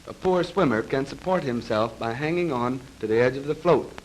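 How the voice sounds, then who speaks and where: This film voice-over features a male narrator giving scripted military instruction like a 1930s training film. His mid-range voice is animated yet formal, precise and measured, and the rough vintage soundtrack has a little hiss or hum.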